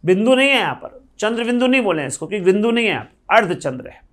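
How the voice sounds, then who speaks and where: Man teaching grammar, slightly high voice. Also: very animated. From India. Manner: explains patiently, repeats words slowly, asks the class yes or no. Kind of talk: classroom lecture at a board.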